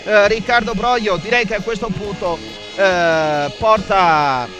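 An Italian male football commentator with a high voice gives excited goal commentary over clearly audible music. He swings between bursts of excitement and halting, filler-filled description as he hunts for the right words.

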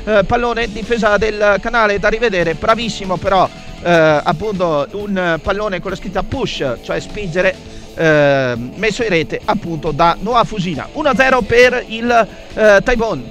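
An Italian male football commentator with a high voice gives excited goal commentary over clearly audible music. He swings between bursts of excitement and halting, filler-filled description as he hunts for the right words.

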